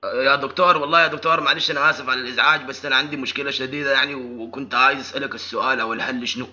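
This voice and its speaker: Man putting on an agitated, fast-talking Sudanese caller. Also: mid-range voice, steady tone, bright, forceful tone, lo-fi sound. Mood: worried, embarrassed. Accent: Sudanese Arabic. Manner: insistent, repetitive, complaining. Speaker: prank caller. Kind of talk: improvised phone prank.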